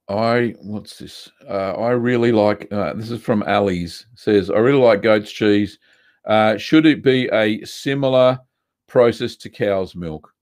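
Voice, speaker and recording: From an indoor home studio lined with bookshelves, a fairly low-pitched older man from South Australia, with an Australian accent, answers viewer questions on a live stream. He's relaxed and chatty, reading the chat aloud and filling his speech with ums and uhs.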